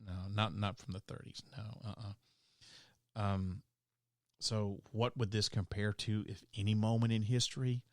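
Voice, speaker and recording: A man's voice: fairly low pitch, fairly even intonation, moderate pace, dry recording, clean studio sound. A man hosting a podcast on his own, talking loosely and with strong opinions, full of fillers and restarts. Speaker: podcast host. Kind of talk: casual solo podcast monologue.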